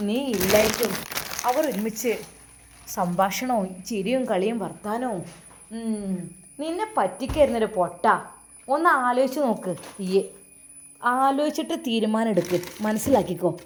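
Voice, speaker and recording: A woman's voice: a little high, lively intonation, moderate pace, long pauses, slight background noise, close to an everyday voice. A woman voicing a harsh, scornful mother who nags and orders her grown son about in a spoken story. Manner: scornful, nagging, commanding.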